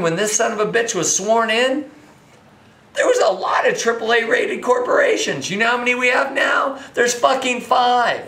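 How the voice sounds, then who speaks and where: Speaking off the cuff to camera in an echoey, roomy space, a middle-aged American man who works as a financial commentator delivers a drunken, profane rant. His high, bright voice is forceful, and he sounds indignant and emphatic, swearing heavily.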